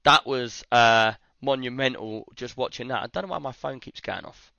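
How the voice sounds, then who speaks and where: A British man with a hoarse, worn-out voice, chatting casually as the host of a livestream. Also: mid-range voice, normal speed, bright, forceful tone, no echo. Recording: slightly dull, lo-fi stream audio.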